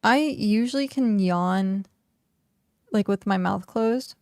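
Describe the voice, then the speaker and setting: Young woman, game streamer, rambling casual chat, gravelly, dry close sound. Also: medium pitch, takes it slowly, a little mellow, dry recording. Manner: rambling, chatty, heavy use of "like". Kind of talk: casual live-stream chat while gaming.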